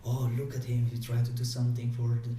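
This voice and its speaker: In a strongly echoing room, a male guest is heard from some way off, with slight hiss in the background. His voice is mellow, flat and mid-pitched, and English isn't his native language. He answers the interviewer haltingly, restarting frequently and using many fillers.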